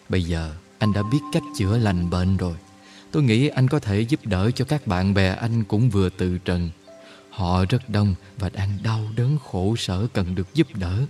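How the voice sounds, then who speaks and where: A gentle, wise older guide voiced by a man in a low, mellow tone. He explains in a slow, measured, soothing way, like a kindly mentor in an audiobook story.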